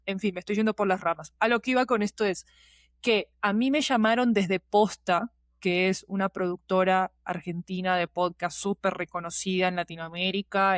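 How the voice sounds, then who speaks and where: This medium-pitched woman, a scriptwriter and producer, is a guest on a podcast. Her interview answers are talkative and digressive, full of emphatic repetition, and the studio sound is clean with no echo.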